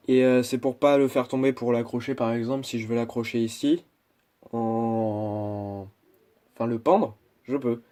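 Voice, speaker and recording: A man's voice: mid-range voice, warm tone. A man chatting casually through an unboxing video, talking in a hesitant way with many restarts and asides. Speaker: YouTuber.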